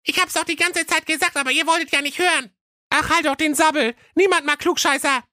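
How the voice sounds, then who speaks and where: A man voicing bratty, squabbling teenage princesses in a high falsetto, bickering in a comic storybook. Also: fairly even intonation, brisk, pushed and bright, no echo, clean studio sound, heavily acted. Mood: quarrelsome. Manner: squabbling, cheeky.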